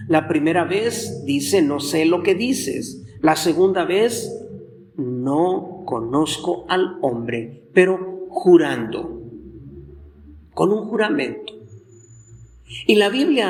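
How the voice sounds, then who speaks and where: A man preaching a sermon as pastor, slow and deliberate, drawing out quoted lines. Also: on the high side. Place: church.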